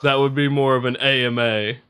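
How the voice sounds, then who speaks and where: A man's voice: medium pitch, fairly even intonation, a little fast, pushed and bright, clean tone. A young man streaming a game, chatting casually with viewers in a rambling, profane way and laughing often.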